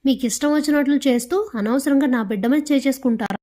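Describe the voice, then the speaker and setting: A woman's voice: high-pitched, fast, warm tone. A woman voicing a defiant young pregnant wife who speaks in a firm, indignant manner.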